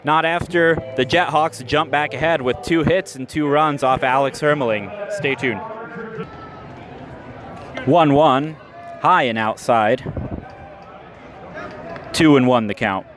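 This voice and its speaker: A bit bright and medium in pitch, this American man's voice moves at a slow pace with frequent pauses as he calls baseball live on radio. The setting is an outdoor minor league ballpark, crowd and ambient noise audible throughout.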